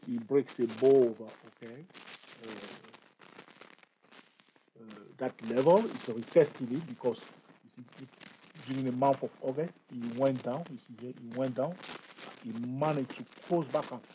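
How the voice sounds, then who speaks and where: With a mellow, medium-pitched voice, this trading tutor walks viewers through a screen-share chart lesson. He is talkative and repetitive, quizzes the audience, and jokes and laughs at himself. The audio is poor, with faint background noise.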